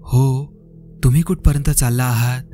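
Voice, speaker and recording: A man's voice: mid-range voice, fairly even intonation, normal speed, dark tone, faint music behind, lightly acted. A man voicing a curious young male traveler who keeps asking questions. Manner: asks questions.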